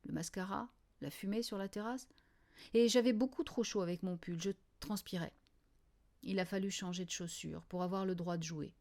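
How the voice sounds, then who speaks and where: Mellow woman reading an audiobook. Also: medium pitch. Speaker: audiobook reader. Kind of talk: first-person audiobook narration.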